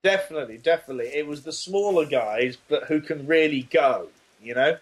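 Joking man, rambling chat. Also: a little high. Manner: rambling, jokey, halting restarts. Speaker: podcast co-host. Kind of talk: casual chat.

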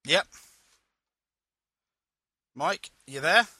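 A male podcast host with a very bright, sharp tone and a dry, close sound. He talks eagerly and laughs often, stumbling over the openings of his sentences. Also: on the high side, expressive, drawn-out words, breathy edge, dry recording. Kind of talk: casual chat.

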